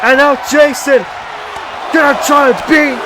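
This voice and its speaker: A man calling play-by-play as a wrestling commentator, excited and exclaiming dramatically. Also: very high-pitched, unhurried, shouting. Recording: music and crowd noise behind.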